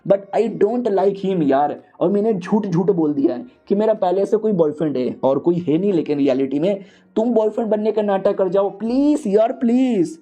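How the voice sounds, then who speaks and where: A man's voice: high voice, moderate pace, warm tone. Man putting on a dramatic rich young woman. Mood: pleading.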